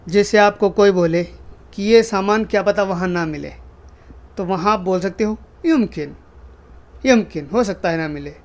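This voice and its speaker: Brief: high-pitched male teacher, patient, repeats every phrase and then explains it. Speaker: Arabic language teacher. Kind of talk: spoken language lesson.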